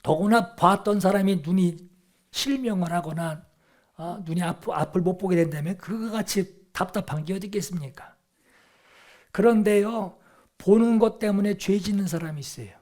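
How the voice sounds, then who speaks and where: Male pastor, high voice, dramatic sermon delivery with big swings in volume. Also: moderate pace. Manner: dramatic, swings from loud emphatic scripture reading to low hushed asides.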